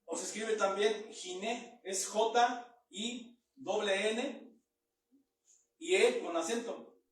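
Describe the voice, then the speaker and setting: A man with a high voice gives a Bible teaching sermon in what sounds like a church hall. He reads each verse aloud and then explains it in plain words. The room rings with heavy echo, and he stands well away from the microphone. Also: takes it slowly. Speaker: preacher. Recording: very echoey room, mic far off.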